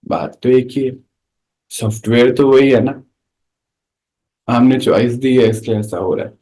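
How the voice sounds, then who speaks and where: A man's voice: medium pitch, a little slow, mellow, poor audio. A man giving a conversational spiritual talk to an audience, telling everyday anecdotes and asking rhetorical questions. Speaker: spiritual speaker.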